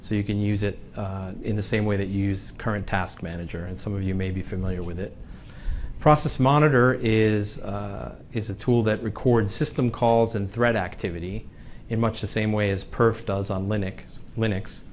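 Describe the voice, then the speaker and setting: Low-voiced man giving a tech talk. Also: normal speed, a little hiss or hum. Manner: relaxed, joking, some fillers. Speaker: presenter. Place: conference room.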